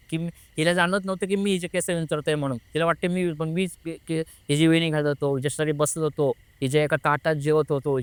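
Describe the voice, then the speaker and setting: A man telling a frightening personal story as an interview guest, animated and often restarting his sentences. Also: on the high side, clean tone, dry recording. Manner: animated, rushes and restarts when retelling fright. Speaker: guest recounting a paranormal experience. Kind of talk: conversational storytelling.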